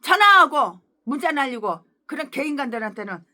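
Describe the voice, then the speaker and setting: Fiery, high-voiced woman pastor preaching. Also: very animated, a little fast. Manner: fiery, scolding, crude insults; shifts between quiet asides and shouting. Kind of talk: expository sermon.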